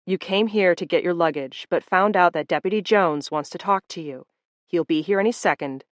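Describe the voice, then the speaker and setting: A woman reading aloud voices a calm man speaking slowly and clearly to soothe someone. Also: lowish voice, no echo, lightly acted. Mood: coaxing. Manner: slow, clear, coaxing. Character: calm man casting a soothing memory spell.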